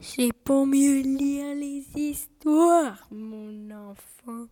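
A woman voicing a sly male wolf in a storybook read-aloud, speaking calmly and coaxingly. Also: high voice. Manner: calm, coaxing, unhurried.

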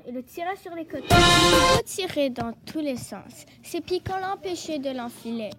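A woman reading a children's storybook aloud in a gentle, expressive way. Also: sits high, slight background noise.

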